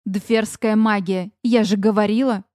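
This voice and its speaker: A woman voicing a suspicious, sharp-tongued young fairy woman who speaks with mockery. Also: mid-range voice, fairly even intonation, unhurried, no room sound, studio quality, pitched below the performer's own voice, natural voice. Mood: scornful. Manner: mocking, scornful.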